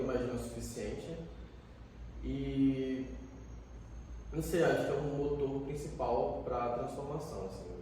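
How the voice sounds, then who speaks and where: With a warm, mid-range voice, a man in his 20s who works as a youth educator reflects earnestly during a relaxed chat, his speech full of fillers. A distant mic in an echoey room picks up slight background noise too.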